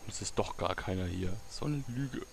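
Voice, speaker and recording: A man giving casual let's play commentary, muttering to himself with excitable outbursts. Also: low voice, moderate pace, gravelly, slight background noise.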